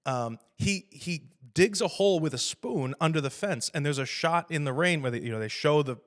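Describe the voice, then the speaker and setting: A man's voice: a little high, normal speed. Rambling, profane man chatting about films. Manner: rambling, profane, animated, laughs often. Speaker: podcast host. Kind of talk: casual film discussion.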